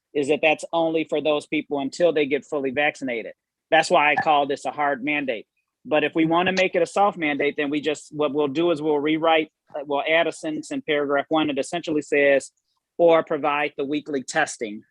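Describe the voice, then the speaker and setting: A man with a fairly high, even voice explains legal wording at a meeting. He is careful and often rephrases, and the sound is dry and close. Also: no echo, rough recording. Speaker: village attorney.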